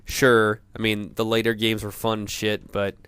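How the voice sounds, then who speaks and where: A man in a profane off-the-cuff gamer rant, sounding drunk, rambling haltingly and repeating himself. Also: on the low side, monotone, fairly bright tone, clean tone, no room sound. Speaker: gamer ranting about video games.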